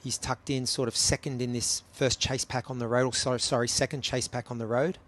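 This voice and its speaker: A man's voice: medium pitch, level tone, fairly quick, a bit bright. Man commentating a live race. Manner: analytical, chatty, frequent ums.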